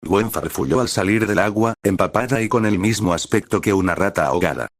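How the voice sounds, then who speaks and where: Male narrator, deep voice, dry close sound, even storybook reading. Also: brisk, no room sound. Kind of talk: reading a fan story aloud.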